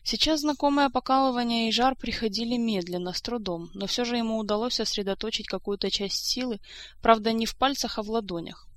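A woman narrating an audiobook in a steady, even reading voice. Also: fairly high pitch, brisk. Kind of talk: scripted narration.

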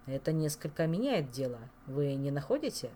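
A woman's voice: sits low, sing-song, moderate pace, warm tone, a little hiss or hum. A woman reading a weary, grumbling king. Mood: stern, weary. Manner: grumbling, curt. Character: weary, stern male king.

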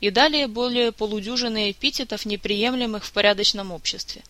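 A narrator reading an audiobook in a lively, theatrical way. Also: medium pitch, fairly quick, no echo.

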